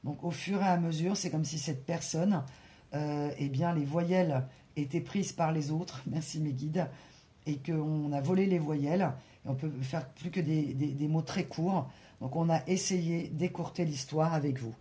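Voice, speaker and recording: A French-speaking card reader giving a spiritual guidance reading, talking slowly with many hesitations and asides to spirit guides. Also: medium pitch, dark tone. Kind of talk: tarot-style guidance reading to camera.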